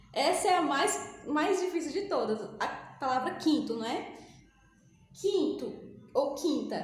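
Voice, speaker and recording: A woman's voice: high voice, a little hiss or hum. A woman teaching an English class to Brazilian schoolchildren, patiently repeating and drilling pronunciation. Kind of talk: recorded online class. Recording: echoey room with faint ambience.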